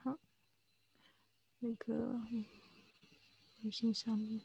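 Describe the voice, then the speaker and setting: A woman teaching English vocabulary in Mandarin on a livestream, explaining slowly and repeating words for drill. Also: a little high, completely flat delivery, vocal fry, warm tone, husky, dull audio. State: hiccuping.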